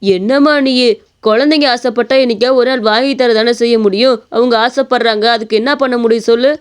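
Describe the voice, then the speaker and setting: A woman plays a gentle, indulgent father in a cartoon story. He talks in a soothing, coaxing way, with a high voice. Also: a little fast, clear, resonant tone, natural voice.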